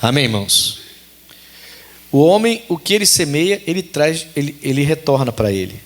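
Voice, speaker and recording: A Brazilian pastor preaches with emphasis, hammering home his points by repeating them. His voice sits high for a man. It rises and falls widely as he drives each point home. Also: big pitch swings, normal speed. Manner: emphatic, repeats key phrases. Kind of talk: sermon. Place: church service.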